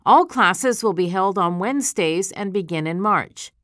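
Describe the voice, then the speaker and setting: A woman's voice: mid-range voice, expressive, unhurried, a bit bright, dry recording, studio quality. A woman reading a scripted advertisement in an upbeat, inviting way. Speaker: advertisement reader in a test recording.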